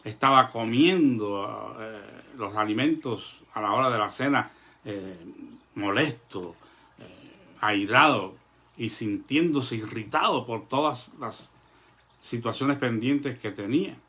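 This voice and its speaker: A man preaching a sermon to his congregation in an earnest, measured way, pausing often and filling gaps with "eh". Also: medium pitch, bright, forceful tone. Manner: earnest, measured delivery with pauses and "eh" fillers; addresses the congregation as brothers.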